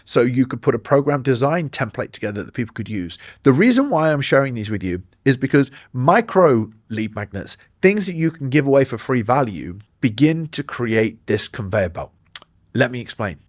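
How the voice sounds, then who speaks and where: Male business coach, mid-range voice, direct and energetic, dry close-mic read. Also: medium pitch, dry recording. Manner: direct, energetic, role-plays DM messages in quick asides. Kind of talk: instructional talk to camera.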